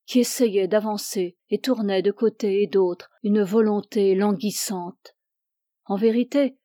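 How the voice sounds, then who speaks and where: Une femme qui prête sa voix à un jeune homme tourmenté, partagé entre la foi et un amour coupable, qui implore avec passion. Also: female voice, medium pitch, warm tone, no echo, studio quality, close to an everyday voice. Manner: pleading, impassioned. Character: anguished young man torn by guilty love.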